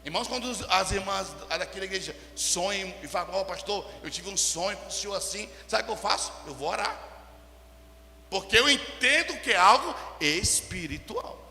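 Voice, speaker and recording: A pastor preaching a sermon, swinging between loud emphatic passages and quiet asides. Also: male voice, high-pitched, expressive, moderate pace, creaky, a little hiss or hum. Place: church hall. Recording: echoey hall with long reverb.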